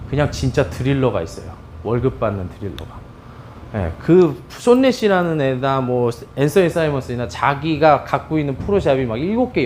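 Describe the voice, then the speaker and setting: A man's voice: medium pitch, a little hiss or hum. A middle-aged man, a bowling pro, giving an instructional demonstration, with frequent cues to his viewers as he explains. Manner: lively, animated explaining with many "자" cues.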